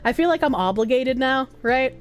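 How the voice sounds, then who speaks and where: A woman's voice: sits high, animated, moderate pace, soft background music. A woman with a Boston accent hosting a livestream, chatting casually and bawdily with her viewers, joking and swearing freely. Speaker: livestream host.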